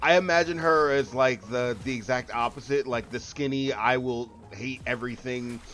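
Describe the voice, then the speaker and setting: A man's voice: mid-range voice, moderate pace, a bit bright, faint music behind. A young man streaming a game, chatting casually with friends and laughing often. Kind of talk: casual gameplay chat.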